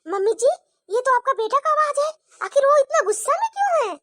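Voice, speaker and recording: A timid young wife voiced by a woman, hurried and placating. Her voice is very high and bright in a cartoon story. She is eager to please. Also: animated. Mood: anxious.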